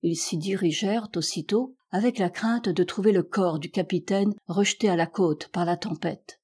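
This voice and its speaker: A woman narrating a classic adventure novel as an audiobook in a measured, steady reading voice. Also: lowish voice, slightly rough. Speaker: audiobook reader.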